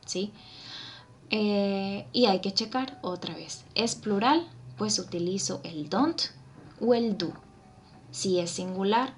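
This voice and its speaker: A woman's voice: mid-range voice, slight background noise. Patient Spanish-speaking woman teaching English grammar. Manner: patient, repeats points, checks with "¿sí?". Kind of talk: explaining grammar to students.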